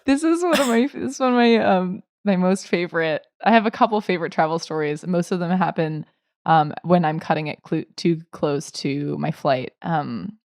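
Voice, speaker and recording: A woman's voice: lowish voice, normal speed, dry recording, clean studio sound. A young adult woman co-hosting a podcast, telling stories in casual chat and laughing often. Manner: laughs often, animated storytelling. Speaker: podcast co-host. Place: Brooklyn, New York.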